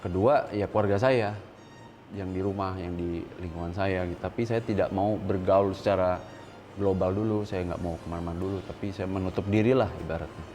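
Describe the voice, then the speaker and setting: Earnest low-voiced man in his thirties. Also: steady tone, fairly quick, darkish tone, faint music behind. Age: 30s. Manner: earnest, mixes English words, stressed rises when quoting others. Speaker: interview guest. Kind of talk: candid interview talk.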